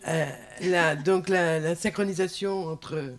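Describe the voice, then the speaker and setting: A man in an audience haltingly putting a spontaneous academic question, repeating words as he goes. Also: fairly high pitch, steady tone. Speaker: audience member asking a question.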